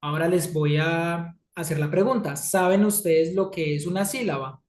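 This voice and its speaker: A woman's voice: on the low side, normal speed, a little mellow. A woman teaching an English class, who keeps checking in with her students. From Colombia. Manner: checks in often with "¿sí?" and "¿listo?". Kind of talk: classroom lesson. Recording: echoey room.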